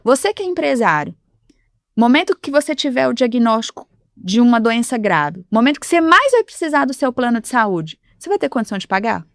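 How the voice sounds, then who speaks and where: A woman's voice: fairly high pitch, very animated, brisk, dry recording, clean studio sound. A woman guest on a podcast, speaking as an insurance advisor in casual conversation and telling stories that act out quoted dialogue. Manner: storytelling, acting out quoted dialogue. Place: podcast studio.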